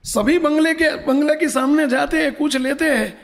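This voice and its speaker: A man's voice: very high-pitched, moderate pace, gravelly, voice pushed up. Humble old lady done by a man pleading in broken hindi. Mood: puzzled.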